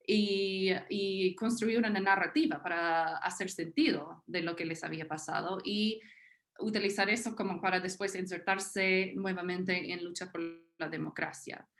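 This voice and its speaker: A woman's voice: mid-range voice, fairly bright tone. A woman from Tennessee with an American accent, whose first language is English, speaking as a historian on a panel, hesitant, with many fillers and restarts. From Tennessee, United States. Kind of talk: unscripted panel talk.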